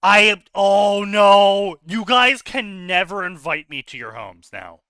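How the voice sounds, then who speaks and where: A man's voice: high-pitched, lively intonation, slow, bright, forceful tone, dry recording. A man joking sarcastically in a casual podcast chat with friends, laughing often. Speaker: co-host reading comments.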